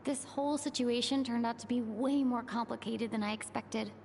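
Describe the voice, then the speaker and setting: A woman's voice: a little high, steady tone, normal speed, darkish tone, slight background noise, lightly acted. An actress playing a weary, thoughtful young woman thinking aloud in a video game. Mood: tired, pensive.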